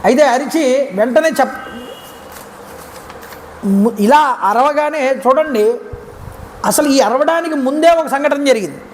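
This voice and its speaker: A man's voice: extremely high pitch, a little slow, pauses often. A man with a Telugu accent giving a devotional discourse that retells an epic story, acting out the characters' words as he goes. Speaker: Ramayana discourse speaker. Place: temple grounds. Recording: reverberant hall, faint background noise.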